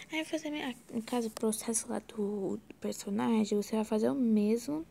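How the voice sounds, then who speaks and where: A Brazilian woman walking through a video editing tutorial in a casual, scattered way, often sinking into a soft whisper and exclaiming to herself. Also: a little high, creaky, a little hiss or hum. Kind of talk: casual screen-recorded tutorial.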